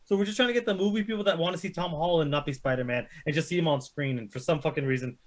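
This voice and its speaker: On a chat show ranking films, a male panelist rants about movies in a slightly high, rapid-fire voice. He's casual but blunt and opinionated, swearing heavily throughout.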